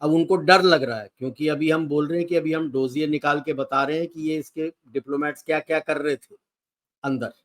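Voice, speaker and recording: A man's voice: a little high, fairly even intonation. A man giving conversational political commentary, switching between Hindi and English. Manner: slow, deliberate Hindi-English code-switching.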